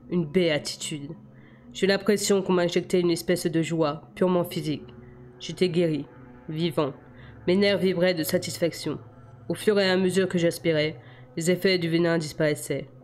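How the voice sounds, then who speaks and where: A woman reading a novel aloud in steady first-person narration, stumbling over a word now and then. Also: fairly low pitch. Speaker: amateur audiobook reader.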